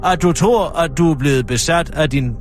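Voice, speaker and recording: A man voicing an agitated male police detective who yells and rants breathlessly. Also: fairly high pitch, faint music behind, voice pushed up, close to an everyday voice. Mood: frantic. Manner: yelling, breathless ranting.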